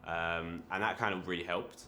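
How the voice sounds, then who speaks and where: A young man talking in a casual, reflective interview, halting often with fillers and restarts. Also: deep voice, fairly even intonation, bright, forceful tone, soft background music. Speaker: creative interviewee.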